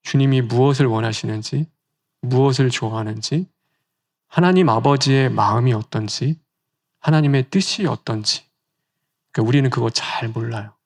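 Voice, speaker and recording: Male pastor, mid-pitched voice, chatty sermon delivery full of rhetorical questions, now and then slips away from the mic. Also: normal speed. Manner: conversational preaching with rhetorical questions.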